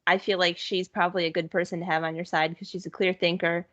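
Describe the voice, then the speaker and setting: A woman's voice: fairly low pitch, flat delivery, quick pace, fairly bright tone, no room sound. A woman co-hosting a podcast in casual chat, talking loosely with lots of fillers and easy laughter. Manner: chatty, laughs easily, many "sort of" and "like" fillers. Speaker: podcast co-host. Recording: dull, lo-fi podcast audio.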